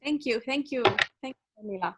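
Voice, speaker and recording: A woman in her thirties, from Romania, giving a measured talk as a journalist on a video call and correcting herself as she goes. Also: sits high, heavy background noise. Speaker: journalist speaking on a panel.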